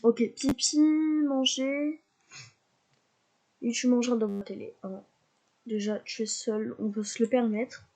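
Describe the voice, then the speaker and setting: A woman casually commentating her life-simulation gameplay, chatty and excitable, talking to her characters, sniffly from a cold. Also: fairly high pitch, measured pace, pauses often. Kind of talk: casual let's-play commentary.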